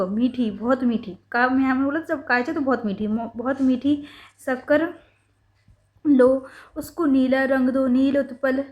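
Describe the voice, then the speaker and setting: A young woman with a high, light voice teaches ayurveda. She turns each list into a playful little story, going over the lines again and again and correcting herself mid-word. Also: darkish tone. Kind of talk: mnemonic lesson explanation.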